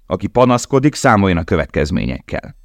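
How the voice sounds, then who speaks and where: A man voicing a brutal, scornful prisoner foreman who shouts commands. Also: sits low, very animated, vocal fry, dry recording, studio quality, pitched above the performer's own voice, heavily acted. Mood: harsh shouting.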